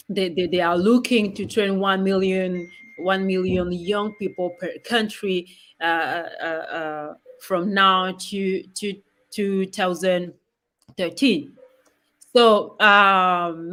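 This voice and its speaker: A middle-aged woman from Rwanda speaking in a webinar, presenting in a halting way with many pauses and restarts. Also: mid-range voice, a bit bright. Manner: frequent fillers and restarts, halting. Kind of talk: hesitant spoken presentation.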